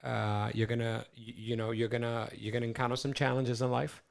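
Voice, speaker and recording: A man's voice: medium pitch, little pitch movement, a little fast, gravelly. A man in his forties co-hosting a podcast in casual chat, rambling and stammering with plenty of swearing. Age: 40s. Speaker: podcast co-host.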